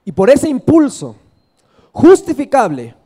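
A man's voice: very high voice, wildly swooping pitch, measured pace, dark tone. A man from Peru preaching a sermon, telling a personal story and asking the congregation questions, often adding "¿verdad?".

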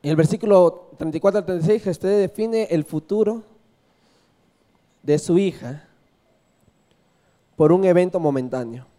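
A man's voice: sits high, moderate pace, pauses often, warm tone. A man from Peru preaching a sermon, telling a personal story and asking the congregation questions, often adding "¿verdad?".

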